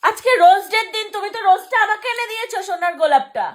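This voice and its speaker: A woman's voice: very high voice, animated, fast. A young woman, a mother, squabbling playfully and mock-indignantly with her little daughter on a home phone video. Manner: teasing, mock-indignant, bickering. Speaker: mother, family vlogger. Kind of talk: playful family squabble on camera.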